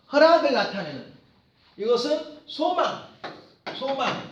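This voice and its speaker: A man teaching a language lecture, repeating key phrases slowly for his students to follow. His voice sits high and moves widely across its range. The room around him carries a noticeable echo. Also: dull audio. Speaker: professor teaching business Korean. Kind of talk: lecture with dialogue drills.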